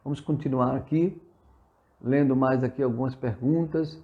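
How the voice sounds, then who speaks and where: Streaming live from a phone or computer, a spiritist preacher with a Brazilian Portuguese accent reads viewer comments aloud and answers them in an earnest, exhortative sermon style. His mid-range voice has fairly even intonation and a moderate pace, and the audio sounds dull.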